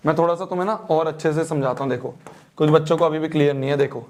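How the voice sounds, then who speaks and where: A man's voice: on the high side, fairly even intonation, rapid-fire, a little mellow. A young man teaching a math exam-prep lesson, repeating phrases and checking that students follow.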